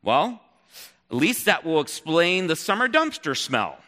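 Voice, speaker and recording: A man telling a second-person story in an animated, expressive way, with dramatic pauses. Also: on the high side. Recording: long hall reverb.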